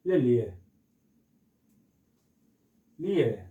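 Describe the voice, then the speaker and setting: Hindi teacher drilling grammar slowly. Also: male voice, mid-range voice, sing-song, distant mic, phone-quality sound. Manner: repeats questions and answers them himself, drilling; stretches vowels when demonstrating. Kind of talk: classroom grammar lesson.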